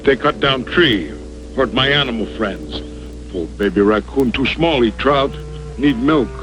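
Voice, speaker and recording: An actor playing a reclusive wild man of the woods who speaks halting, broken English and guards the animals, heard on a 1950s TV broadcast soundtrack. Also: medium pitch, lively intonation, rough recording. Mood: earnest.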